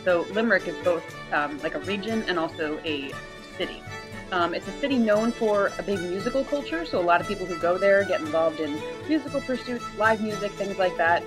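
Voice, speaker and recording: A woman's voice: on the low side, lively intonation, a little fast, over music. A woman giving a casual online poetry lesson, chatty and informal with frequent fillers. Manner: chatty and informal, with many ums and likes. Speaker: teacher.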